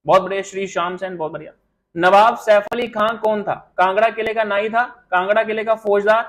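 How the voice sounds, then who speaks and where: High-voiced man running a live quiz class. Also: fairly bright tone, low-quality recording. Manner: rapid quiz-master patter, praising viewers by name; scolding, teasing tone with students. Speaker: exam coaching teacher. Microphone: live stream mic with audio glitches.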